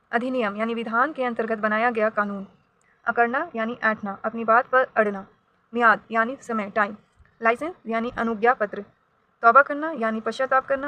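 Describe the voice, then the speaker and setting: A woman teacher with a bright, clear voice and a slightly high pitch. She reads a storybook aloud to children and explains its words in an instructive tone, addressing her students directly. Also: rough recording.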